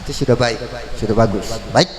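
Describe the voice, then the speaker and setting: A man teaching Quran recitation rules in a mosque, breaking into slow chanted verses and quizzing his students. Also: medium pitch. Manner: quizzes the class. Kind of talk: tajwid lesson with chanted recitation. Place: large mosque hall. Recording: echoey mosque hall with crowd.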